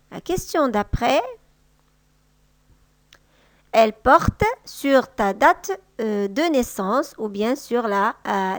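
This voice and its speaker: A woman with a high voice gives a language lesson at an unhurried pace. She says each model phrase twice, a touch louder. The sound is dry and close to the mic. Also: no room sound. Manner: patient, repeats example sentences slowly and louder. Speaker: French teacher. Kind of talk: slow, clear language lesson.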